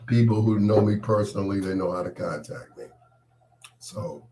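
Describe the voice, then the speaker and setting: A male host delivers an on-air monologue while fighting a cold, his voice partly gone. He sounds irritated and dismissive, speaking on the low side at a moderate pace, and his words often trail off quietly.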